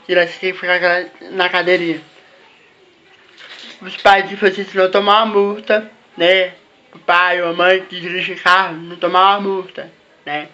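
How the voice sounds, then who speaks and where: High bright-voiced man, repetitive. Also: level tone, normal speed, lo-fi sound. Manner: repetitive, ends phrases with "né?" and "tá?". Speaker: vlogger giving advice to parents. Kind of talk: casual talk to camera.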